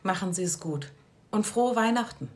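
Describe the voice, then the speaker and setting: A woman voicing a gentle, kindly young mother who speaks softly and calmly. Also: medium pitch, moderate pace, lightly acted.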